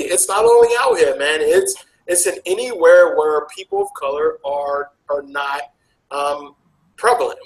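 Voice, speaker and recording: A man with an American accent, talking casually as an interview guest, animated and jumping sharply in pitch. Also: reverberant, poor audio. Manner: animated, with big jumps in pitch. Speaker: interview guest, travel vlogger. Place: Asia.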